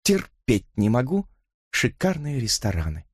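A man doing a shy, soft-spoken young woman. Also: medium pitch, wildly swooping pitch, unhurried, husky, no echo, studio quality, full character voice. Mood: quiet.

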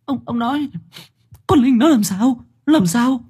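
A man's voice: very high-pitched, measured pace, a little mellow, breathy edge, pitched above the performer's own voice, heavily acted. A man voicing a grief-stricken elderly village wife, choked and pleading. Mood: distraught.

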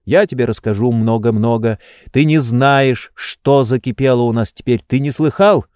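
A man voicing an energetic, insistent friend who urges and reproaches in an urgent tone. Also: mid-range voice, normal speed, clean tone, no room sound, clean studio sound, close to an everyday voice.

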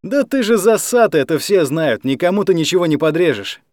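A blunt young tough, as a male narrator plays him, curt and scornful. The delivery is animated and somewhat high, and the sound is dry and close. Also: fairly quick, no room sound.

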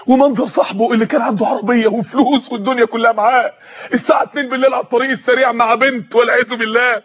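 A man preaching in an Egyptian Arabic accent, his voice set very high and racing along at great speed. He tells his sermon as a story, pleading and impassioned, his voice breaking now and then. The recording sounds muffled and lo-fi.

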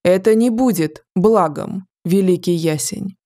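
A woman's voice: lowish voice, measured pace, dark tone, close to an everyday voice. A woman voicing a proud, grim male fairy king in an audiobook, speaking curtly and darkly. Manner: grim, curt, through gritted teeth.

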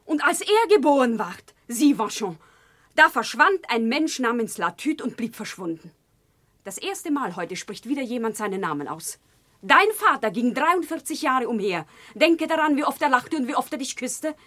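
In a classic German radio play, an actress voices a shopkeeper's wife in Paris, impassioned and defiant, pleading dramatically. Her voice is a little high and a bit bright, with a sing-song lilt at normal speed.

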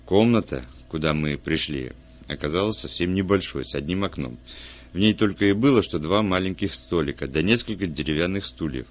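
Deep-voiced man narrating a detective story. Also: lively intonation, fairly quick. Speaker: audiobook narrator. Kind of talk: scripted narration of a detective novel.

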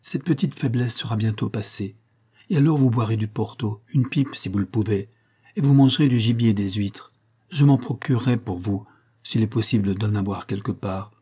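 A man's voice: on the low side, normal speed, dark tone, breathy edge. A man reading an audiobook, voicing a brusque, hearty older clergyman uncle.

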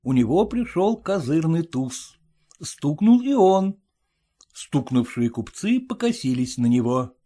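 A man reading a classic story aloud in a steady, measured narrating voice. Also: a little high. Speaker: reader.

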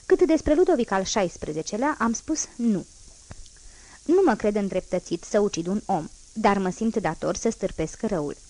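A woman's voice: medium pitch, lively intonation, a little mellow, natural voice. A woman voicing a fierce, unyielding old male revolutionary in an audiobook, speaking in firm, emphatic declarations.

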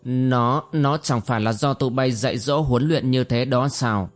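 A man's voice: mid-range voice, normal speed, soft background music, natural voice. A man voicing a frantic, grieving old mother who wails and laments over her son in a storybook reading. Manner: wailing, lamenting.

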